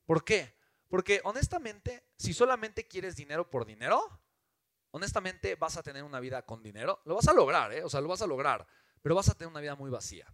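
A man with a Mexican accent giving an animated, emphatic motivational talk as a business mentor, often asking rhetorical questions. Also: on the high side, brisk, no echo. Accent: Mexican Spanish.

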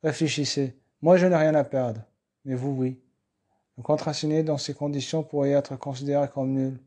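A man's voice: medium pitch, fairly even intonation, moderate pace, warm tone, natural voice. A man reading aloud, voicing a male writer who threatens a lawyer in a curt, pressing way. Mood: cold. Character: angry male writer with power saw.

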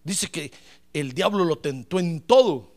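A pastor preaching a sermon in a church, calling listeners brother and rising to shouts from a distance. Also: male voice, on the high side, lively intonation, unhurried.

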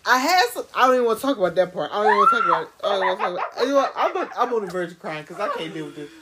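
A woman in her twenties co-hosting a casual podcast chat, animated and dramatic, laughing often. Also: mid-range voice, very fast, very noisy. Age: 20s. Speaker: podcast co-host.

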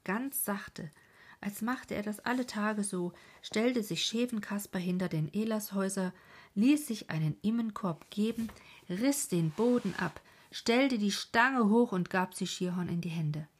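A woman's voice: mid-range voice, measured pace, husky. A woman narrating a historical novel as an audiobook, often dropping to a half-whisper.

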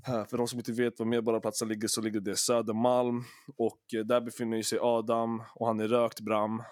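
A man's voice: medium pitch, flat delivery, darkish tone, no room sound, clean studio sound. A man co-hosting a podcast, telling a long story in a casual, rambling way, full of fillers and slang. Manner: rambling, lots of fillers and acted-out quotes, Swedish slang. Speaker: podcast co-host.

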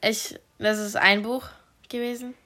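A woman with a forceful, bright voice talks as someone wearing headphones with loud music does, unable to hear properly. Her delivery is slow and casual, as in a question-and-answer game. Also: fairly high pitch, little pitch movement. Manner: talking with headphones on over loud music, not hearing herself. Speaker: challenge guest.

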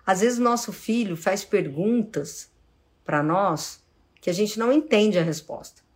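A middle-aged woman with a Brazilian accent, a psychologist answering audience questions in a casual live Q&A, calm and explanatory, acting out short examples of how to speak. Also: medium pitch, a little slow.

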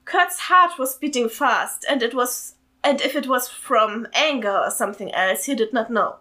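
A woman's voice: on the high side, normal speed, sharp tone, low-quality recording. A woman hosting a podcast, reading her own story aloud and chatting between passages with amused laughter. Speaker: story author and podcast host.

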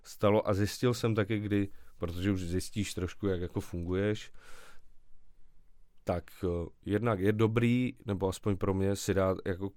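A young man, a stand-up comedian, talking casually as a podcast guest in a relaxed, rambling way with slangy asides. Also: deep voice, no echo, studio quality. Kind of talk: casual conversational interview.

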